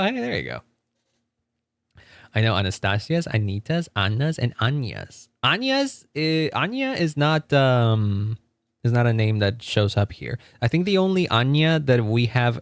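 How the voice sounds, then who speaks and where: A streamer whose first language is Spanish chats casually on a livestream, laughing often, repeating words and reading the chat. His voice is medium-pitched, with no echo.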